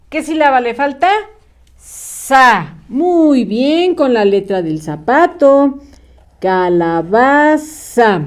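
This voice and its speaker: A woman teaching a children's spelling lesson, encouraging and drawing out each syllable. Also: high voice. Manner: slow, encouraging, drawn-out syllables.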